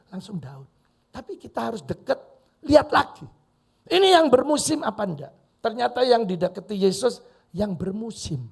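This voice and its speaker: Gravelly high-voiced pastor preaching. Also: male voice. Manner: lively preaching with sudden loud bursts and quoted dialogue. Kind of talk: sermon. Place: church hall.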